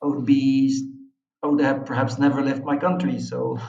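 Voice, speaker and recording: Recorded through a dull, distant, roomy-sounding microphone, a Belgian-accented man who is not a native English speaker is interviewed in English about his expeditions, describing what he lived through in a chatty, emphatic way. His mid-range voice is gravelly and a little mellow, level in tone and at normal speed.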